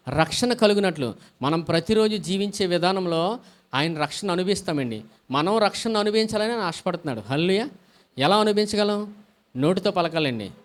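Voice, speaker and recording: A male pastor preaching a sermon, asking the congregation questions, answering them himself and calling out hallelujah often. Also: sits high. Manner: call-and-response preaching with frequent hallelujahs.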